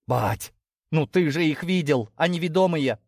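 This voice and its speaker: A man voicing a fed-up, sharp-tongued young female sheep who snaps and gets exasperated. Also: a little high, lively intonation, a little slow, no echo, studio quality, pitched above the performer's own voice. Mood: pleading. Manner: exasperated, snapping.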